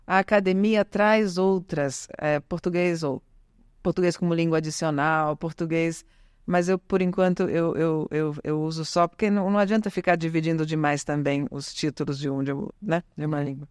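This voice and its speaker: Her voice is low and steady, darkish yet clear and resonant, moving at a moderate pace in a studio-quality recording with no room sound. The Italian-born guest, middle-aged and a native Italian speaker, rambles through the casual interview, revising herself and frequently adding "né?".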